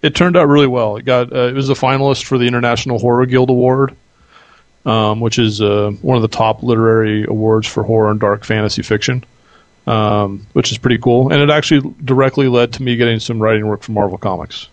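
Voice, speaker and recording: A male podcast guest talks casually about his work in a middle-pitched voice. He pauses and restarts as he thinks aloud, and the sound is dry. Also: fairly even intonation, no echo. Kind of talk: casual interview chat.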